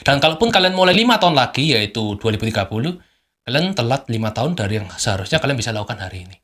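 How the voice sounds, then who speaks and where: A young business owner talks straight to camera in an unscripted motivational monologue recorded at home at night. His voice sits at an ordinary middle pitch, and his delivery is blunt and insistent, with phrases repeated for emphasis. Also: very animated, rapid-fire, fairly bright tone. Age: young adult.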